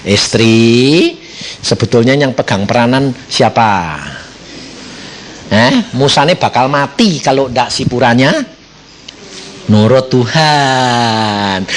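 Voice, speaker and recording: A man's voice: mid-range voice, slight background noise. A man preaching a sermon and telling stories, acting out voices with laughter.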